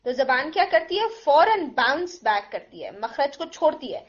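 A woman with a high voice teaches recitation in a patient way. She demonstrates each sound slowly and slips English phrases into her explanations. The recording is dull and lo-fi. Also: lively intonation. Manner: mixes English phrases into Urdu. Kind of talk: tajweed pronunciation lesson.

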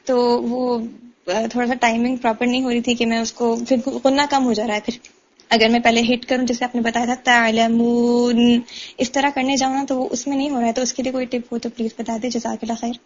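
A woman's voice: a little high, level tone, a little mellow. A woman student hesitantly and politely asking her teacher for a tip on her recitation. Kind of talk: voice message asking for advice. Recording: dull lo-fi distant recording.

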